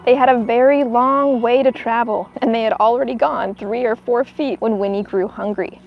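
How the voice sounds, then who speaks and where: A woman reading a children's book aloud in an expressive storytelling style, as a narrator for young listeners. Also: fairly high pitch, moderate pace, creaky, lo-fi sound.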